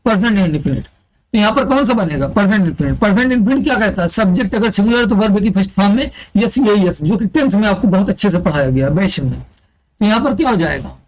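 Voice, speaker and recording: A man's voice: high-pitched, lively intonation, fast talker, rough recording. A man teaching an online exam-prep English grammar lesson, explaining step by step and answering his own questions aloud. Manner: asks the class questions and answers them himself, repeating key terms.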